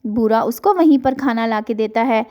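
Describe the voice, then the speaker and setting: High-voiced woman telling a children's story. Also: warm tone. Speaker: storyteller, channel owner.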